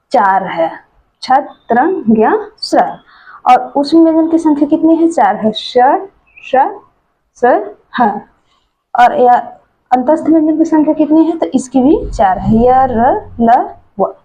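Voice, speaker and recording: A woman teaching an exam-prep grammar lesson, drilling slowly and reciting letters one by one. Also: high voice, expressive, warm tone, muffled recording.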